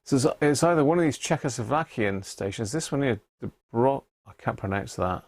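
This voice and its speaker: A British man hosts a casual livestream, his medium-pitched voice animated and a little quick. He talks informally to viewers, thinks out loud and keeps adding tag questions, with no room sound on the recording.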